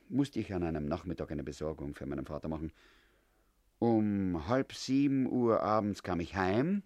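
Man, low voice, lively intonation, confiding first-person narration, dry close sound. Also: no room sound. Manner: confiding, addressing the listener as comrade. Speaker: audiobook narrator.

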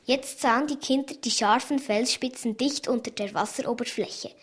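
Woman reader, lively storybook narration, slightly high voice. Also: normal speed, breathy edge. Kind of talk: storybook reading.

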